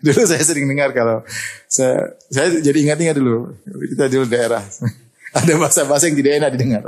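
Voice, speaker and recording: A middle-aged man giving a lively sermon, joking and laughing often. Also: medium pitch, fast talker. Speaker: Islamic preacher.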